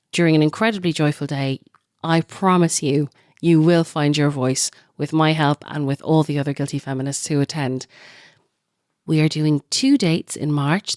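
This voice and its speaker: A woman's voice: deep voice, a little mellow, dry recording, clean studio sound. A woman hosting a podcast, reading an enthusiastic promotional announcement for workshops. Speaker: podcast host.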